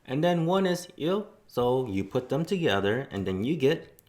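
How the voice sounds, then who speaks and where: A man's voice: medium pitch, sing-song, moderate pace, a little mellow. A man teaching a casual spoken lesson, explaining step by step with loose fillers. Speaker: language teacher.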